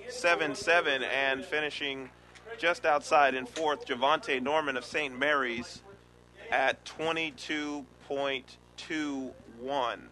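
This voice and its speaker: A man with an American accent calling track races live as a play-by-play announcer. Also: mid-range voice. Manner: excited, rising calls during the race. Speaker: race caller, play-by-play announcer. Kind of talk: live race caller commentary on track and field. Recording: crowd noise behind the voice. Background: stadium crowd.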